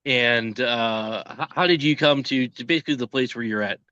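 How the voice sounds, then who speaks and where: Podcast host guy talking outside by a pond, bright forceful voice, kinda dull muffled sound, dry. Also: medium pitch, moderate pace, dry recording. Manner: folksy, joking, with frequent restarts. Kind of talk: casual interview chat. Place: outdoors by a pond.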